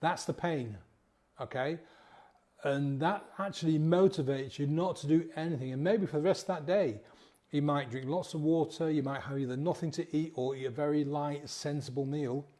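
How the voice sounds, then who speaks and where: Man coaching, mellow voice. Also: a little high, normal speed. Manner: conversational, acts out inner voices, frequent "yeah?" tags. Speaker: sobriety coach. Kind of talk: motivational talk to camera.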